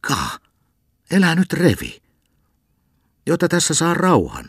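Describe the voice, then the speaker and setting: A man's voice: a little high, wildly swooping pitch, creaky, breathy edge, no echo, studio quality, pitched above the performer's own voice, exaggerated voice. A man voicing a sleepy, easygoing old farmer who grumbles contentedly after being woken, in a storybook reading. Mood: drowsy. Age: older.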